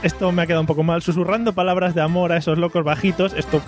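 A man's voice: fairly high pitch, fairly even intonation, rapid-fire, soft background music. A man hosting a casual podcast chat, joking and laughing often. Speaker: podcast host.

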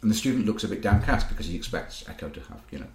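A man's voice: lowish voice, animated, a crowd in the background. A man in a casual discussion, talking in long rambling sentences and correcting himself as he goes. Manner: rambling, self-correcting, talks fast. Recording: echoey room.

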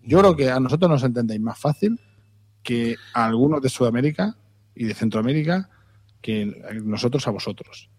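A man's voice: medium pitch, expressive, normal speed, breathy edge. A man with a Spanish accent, co-hosting a podcast in casual, teasing chat about how people speak. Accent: Spanish (Spain). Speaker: podcast co-host.

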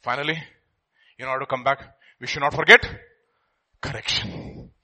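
A man's voice: mid-range voice, moderate pace, bright, forceful tone. A middle-aged man with an Indian accent preaching an impassioned sermon, with emphatic repetition and rhetorical questions. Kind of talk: impassioned sermon with scripture quotes and questions to congregation.

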